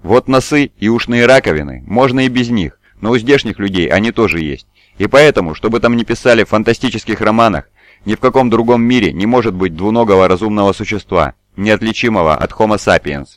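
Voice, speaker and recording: A man's voice: fairly low pitch, expressive, brisk, dry recording, natural voice. A man doing an anxious, pleading grown man. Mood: arguing earnestly.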